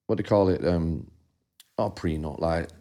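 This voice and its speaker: A man with a low voice and dark tone chats casually as a podcast co-host, speaking at a moderate pace. He tells stories from his past in an easygoing way and shifts into quoted voices as he goes.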